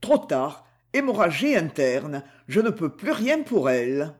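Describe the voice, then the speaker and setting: A man's voice: on the high side, sing-song, measured pace. A man reading the lines of a blunt, grumbling army doctor in an audiobook. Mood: gruff. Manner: grumbling, curt.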